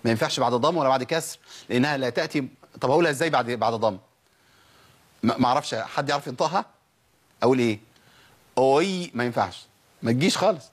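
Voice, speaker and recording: A man's voice: mid-range voice, breathy edge. A man with an Egyptian Arabic accent teaching a tajweed lesson, stretching and repeating sounds and answering his own questions. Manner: drills sounds slowly, asks and answers himself. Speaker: Quran recitation teacher.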